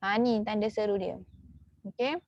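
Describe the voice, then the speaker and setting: A woman with a Malaysian Malay accent teaching a lesson, filling her talk with "okey" and "ha" and repeating key words slowly. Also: mid-range voice, fairly even intonation, darkish tone, no echo, highs cut off. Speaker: religious school teacher. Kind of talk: online class lesson.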